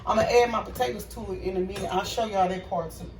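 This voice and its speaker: A woman's voice: mid-range voice, fairly even intonation, fast talker, a little mellow, slight background noise. A woman hosting a casual cooking vlog in her home kitchen, chatting to viewers. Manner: chatty, talks to viewers as y'all. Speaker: cooking vlogger. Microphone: phone camera. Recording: echoey kitchen, phone mic at a distance.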